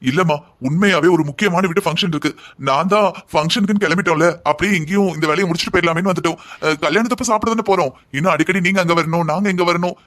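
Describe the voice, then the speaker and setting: A man acting out a kindly middle-aged uncle figure in a cartoon family story. He reassures everyone quickly, in a voice a touch higher than most men. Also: fairly bright tone. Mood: easygoing. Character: kindly middle-aged brother of the groom's mother.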